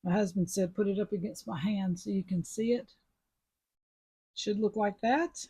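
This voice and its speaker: Husky-voiced woman teaching beadwork. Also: mid-range voice, normal speed, mellow. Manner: chatty, step-by-step instructions. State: sucking a mint after coughing. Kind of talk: casual craft tutorial.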